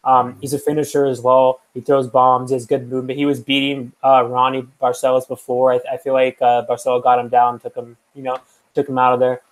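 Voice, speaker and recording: A man's voice: medium pitch, completely flat delivery, a little fast, low-quality recording. Rambling young man making fight picks. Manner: rambling, with many fillers and restarts. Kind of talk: casual chat.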